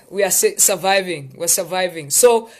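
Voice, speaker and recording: Speaking in a high register at a measured pace, this South African man hosts a casual live tips session for viewers. His delivery rambles and stays playful.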